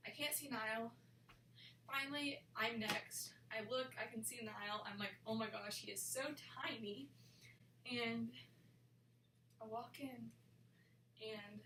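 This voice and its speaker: A young woman telling an excited, dramatic storytime, often dropping into whispers. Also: on the high side, slight background noise. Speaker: vlogger. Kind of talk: storytime vlog.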